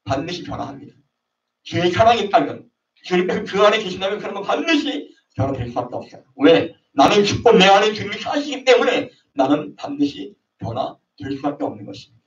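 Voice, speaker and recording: Animated male pastor in a roomy church. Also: high-pitched, fairly quick. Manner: animated, acts out quarrels in raised voices. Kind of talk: sermon. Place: church sanctuary. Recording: roomy, distant, dull online service audio.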